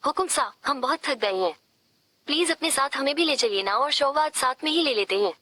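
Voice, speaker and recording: A woman's voice: high-pitched, expressive, a little fast, pushed and bright. A woman voicing an innocent, playful young woman who speaks in a tired, pleading way.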